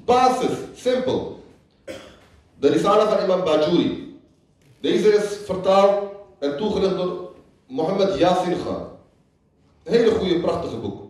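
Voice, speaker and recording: A man's voice: high-pitched, expressive, measured pace, long pauses, a little mellow. A man giving a sermon as a religious lecturer, who repeats lines for emphasis and half-sings quoted lyrics. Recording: echoey hall, voice picked up from far off.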